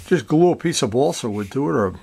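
A man's voice: mid-range voice, lively intonation, fast, gravelly, warm tone, husky. A man chatting casually through a motorcycle DIY project in his garage, rambling with jokey asides. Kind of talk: casual workshop vlog.

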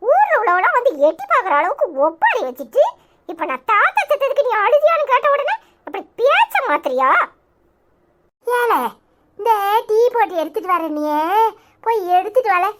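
A woman's voice: very high-pitched, sing-song, normal speed, fairly bright tone, slight background noise, full character voice. A woman voicing a sarcastic, nagging young grandson with a Tirunelveli Tamil accent in a cartoon. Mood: mocking. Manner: nagging, mocking questions. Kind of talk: cartoon voice acting.

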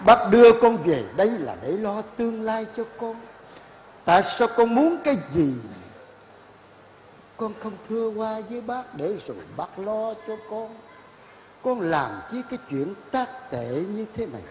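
An actor playing a proud, hospitable older patriarch in a stage play, speaking in a booming, declamatory way. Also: male voice, sing-song, measured pace, darkish tone, slight background noise. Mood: stern. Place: theater stage. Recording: stage with long reverb and music.

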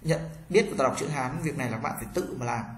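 A male teacher giving a pronunciation lesson, drilling syllables slowly with each tone exaggerated, then explaining them. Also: medium pitch, slight background noise. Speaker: Chinese language teacher. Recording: roomy echoey room sound.

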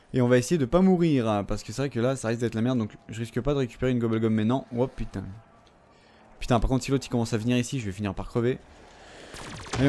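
A man's voice: medium pitch, warm tone. A young man giving casual gameplay commentary, rambling with lots of fillers and frequent swearing. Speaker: gamer.

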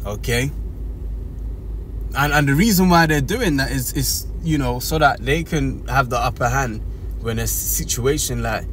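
A man's voice: mid-range voice, moderate pace, fairly bright tone. Blunt man over traffic noise. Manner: blunt, profane, street slang, repeats "man". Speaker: scripture commentator. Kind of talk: casual scripture commentary.

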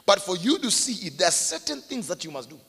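Emphatic preacher in a reverberant hall. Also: male voice, sits high, big pitch swings, fast, a bit bright, slightly rough. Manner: emphatic, calls for congregation responses. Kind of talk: sermon. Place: church hall.

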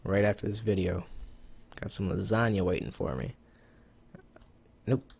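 A man's voice: on the low side, a little slow, vocal fry, darkish tone, slightly rough, low-quality recording. A man giving casual, chatty commentary over a browser cooking game, talking to himself as he plays and swearing now and then, a little out of breath. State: slightly out of breath. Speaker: gaming YouTuber. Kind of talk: casual let's-play commentary.

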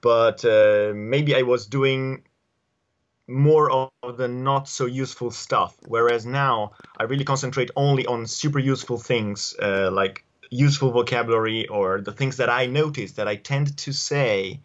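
Over a video call with an earphone headset mic, a man from Italy in his forties answers interview questions as a guest, his replies halting and peppered with fillers and restarts. He sits in a home study with bookshelves and has a mid-range voice. The audio is dull and lo-fi.

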